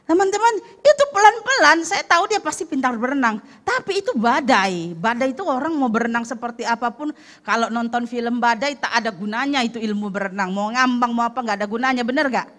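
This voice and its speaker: A woman pastor preaching a lively sermon, acting out the story and putting questions to the congregation. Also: fairly high pitch, brisk. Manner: animated, acts out the story and asks the congregation questions. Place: church service.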